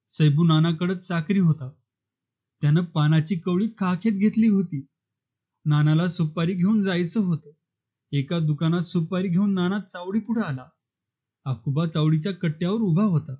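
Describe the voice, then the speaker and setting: A man reading a novel aloud in a steady storytelling manner. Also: high-pitched, lo-fi sound. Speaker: audiobook narrator.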